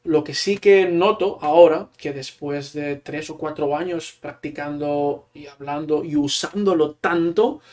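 Here a high-voiced Spanish teacher from Catalonia, Catalan by first language, talks as a guest in a casual interview. He keeps a measured pace with few pauses, explaining at length in a relaxed way with fillers.

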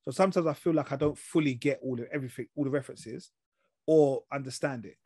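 A man's voice: mid-range voice, quick pace, a little mellow, slightly rough, dry recording, clean studio sound. A man with an urban London roadman accent and slangy delivery, hosting a casual chat reviewing TV shows. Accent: London, urban street slang. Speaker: podcast host.

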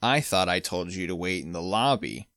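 A man voices a stern adult chaperone who scolds in a low, deliberate voice. The delivery is slow and weighty. The sound is dry and close to the mic. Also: lively intonation, fairly bright tone, no room sound. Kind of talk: comic read-aloud voice.

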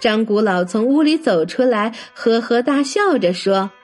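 A woman telling a traditional folk tale as a children's storyteller, in an expressive, lively way. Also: fairly high pitch, unhurried, soft background music. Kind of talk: storybook narration.

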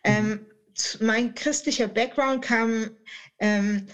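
Here a southern German author in her late thirties joins a podcast as a guest, talking playfully and colloquially in a relaxed interview. She speaks slowly in a steady tone, her voice a little high.

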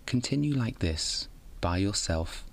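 A man with a low voice guides a bedtime meditation in the manner of a sleep story narrator. He gives each instruction calmly and without hurry, keeping a soothing tone. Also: vocal fry. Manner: calm, soothing, unhurried instruction.

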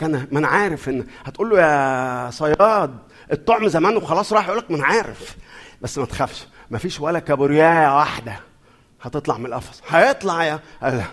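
A middle-aged man with an Egyptian accent preaching a sermon in a lively, conversational way, putting questions to his audience. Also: a little high. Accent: Egyptian Arabic.

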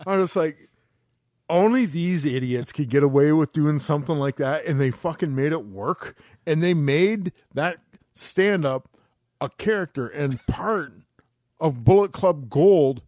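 Male podcast co-host, casual and excitable, swears freely, acts out quotes, dry recording. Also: on the high side, unhurried, dry recording. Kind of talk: casual chat.

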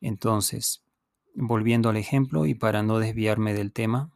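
A man whose native language is Spanish speaks very slowly in a fairly low, creaky, slightly mellow voice, captured close and dry with no room sound. As a language teacher hosting his own podcast, he talks unscripted, explaining each point deliberately, pausing, repeating himself and speaking straight to the listener.

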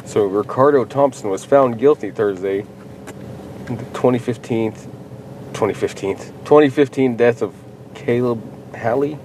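A man's voice: mid-range voice, moderate pace, darkish tone, slight background noise, low-quality recording. A man co-hosting a casual podcast, reading news headlines aloud and laughing often. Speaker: podcast co-host. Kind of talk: casual chat.

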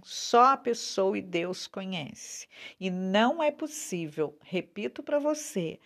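A woman with a Brazilian Portuguese accent giving a devotional talk straight to the viewer, earnest and deliberate, drawing out her key words and often checking in with "né?". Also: medium pitch. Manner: slow, earnest, drawn-out emphasis, frequent "né?". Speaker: preacher.

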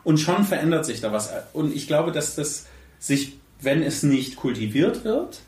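Slightly slow and fairly high-pitched, the male host keeps his podcast talk casual, emphatic and animated, with plain-spoken, blunt remarks. The echoey room and the distance from the mic give it a far-off sound.

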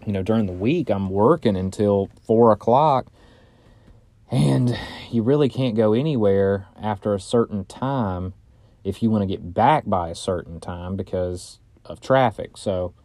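Male podcast host, mellow low voice, informal and jokey solo chat, recorded dry inside a bedroom closet. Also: no echo. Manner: informal, rambling, joking, sweary.

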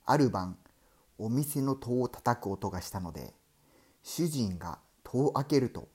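Male storyteller, read-aloud folk tale, unhurried and deliberate. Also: medium pitch, animated, darkish tone, husky.

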